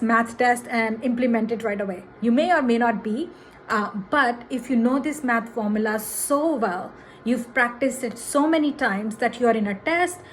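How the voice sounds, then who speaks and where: A woman with a somewhat high voice talks viewers through a calm grounding exercise. She teaches like a counselor, encouraging and restating her key points. The recording carries a faint background noise. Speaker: counselor presenting a grounding technique.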